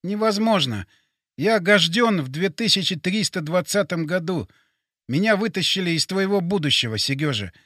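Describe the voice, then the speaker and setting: A man voicing a dying young man who speaks slowly and faintly, turning his r sounds into g sounds. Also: sits high, lively intonation, sharp tone, dry recording, clean studio sound, full character voice. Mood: resigned. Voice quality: burred r sounds, r spoken like g. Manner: slow, faint, halting speech. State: dying, barely audible. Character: dying young man, weak, gentle, resigned.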